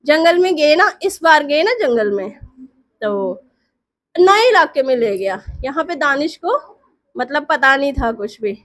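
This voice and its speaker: A woman's voice: high voice, expressive, a little slow, a bit bright. A woman telling a story in a chatty, casual way, often checking in with her listeners.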